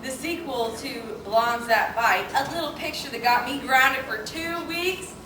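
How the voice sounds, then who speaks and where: Woman playing a gushing teen girl critic, slangy, high voice, noisy echoey stage. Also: measured pace, distant mic.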